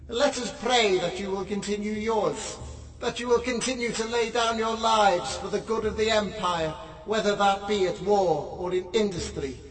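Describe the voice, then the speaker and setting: A man's voice: high-pitched, roomy sound, long reverb tail, far from the mic, low-quality recording. A man voicing a pompous, bombastic tyrant leader who proclaims himself God, in a comedy audio sketch.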